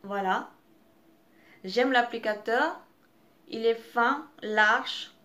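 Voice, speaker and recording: Young woman, non-native French speaker, unhurried, halting beauty-vlog review full of fillers and restarts. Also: fairly high pitch, sharp tone. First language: not French. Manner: hesitant, many fillers and restarts. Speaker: beauty vlogger. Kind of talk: casual product review.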